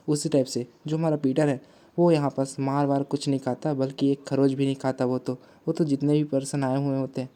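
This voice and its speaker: A man narrating a comic recap in a loose, chatty way, peppering his speech with English words and fillers. His voice is very dark and mellow. His delivery stays flat, with little rise and fall. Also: mid-range voice. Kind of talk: casual comic-recap storytelling.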